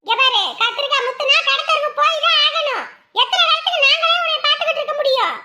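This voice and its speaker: A woman's voice: very high voice, fast, heavy background noise. A woman playing a stern middle-aged mother who nags and threatens her grown daughter in a family drama. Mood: scolding. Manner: nagging, threatening, rhetorical questions. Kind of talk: Tamil family web drama.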